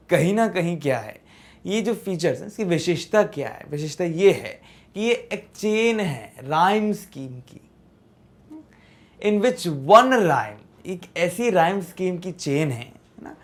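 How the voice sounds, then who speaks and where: Slow, patient Hindi-speaking woman teacher. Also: fairly low pitch. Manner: reads English text slowly, then explains in Hindi with frequent "है ना" checks. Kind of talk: explaining a poem to students. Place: classroom-style video lesson.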